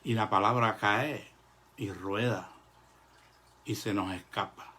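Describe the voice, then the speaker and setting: A man preaching a sermon to his congregation in an earnest, measured way, pausing often and filling gaps with "eh". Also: on the low side, fairly even intonation, sharp tone. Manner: earnest, measured delivery with pauses and "eh" fillers; addresses the congregation as brothers.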